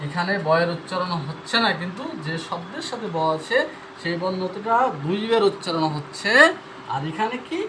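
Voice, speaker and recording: A man's voice: high-pitched, normal speed, background noise. A man teaching a pronunciation lesson, spelling words out letter by letter and answering his own questions step by step. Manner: asks the viewer questions then answers them. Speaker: Bengali grammar teacher.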